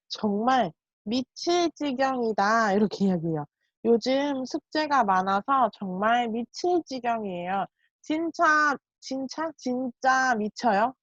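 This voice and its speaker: A woman teaching a language lesson, explaining each point slowly and repeating example sentences. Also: mid-range voice, no echo. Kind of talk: Korean grammar lesson. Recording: dull, muffled lo-fi sound.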